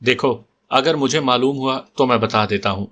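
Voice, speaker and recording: A man's voice: medium pitch, fairly bright tone, close to an everyday voice. A man voicing a captive male bandit who talks in a demanding, threatening way.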